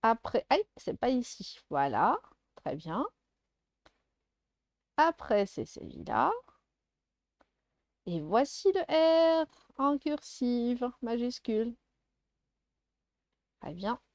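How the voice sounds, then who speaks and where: A woman's voice: a little high, big pitch swings, slow, pauses often, dry recording. A woman teaching a first-grade phonics lesson, patiently sounding out syllables and letter sounds for a child.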